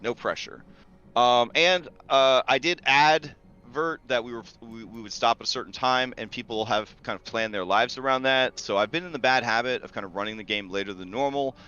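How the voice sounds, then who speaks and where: A man's voice: medium pitch, moderate pace, pushed and bright, clean tone. A man chatting casually and a bit ramblingly as the game master of an online tabletop session. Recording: dull lo-fi mic, faint music. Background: faint music.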